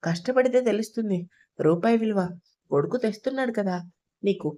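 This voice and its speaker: A woman's voice: mid-range voice, brisk, dark tone, natural voice. A woman doing a stern scolding old husband. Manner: scolding, lecturing. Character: stern older man, irritable husband and father-in-law. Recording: dull lo-fi recording.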